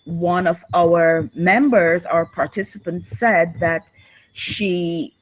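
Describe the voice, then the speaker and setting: A woman from Barbados with a Barbadian accent, reporting back to a workshop group in an unhurried, expressive storytelling manner. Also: fairly low pitch, rough recording. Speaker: workshop participant.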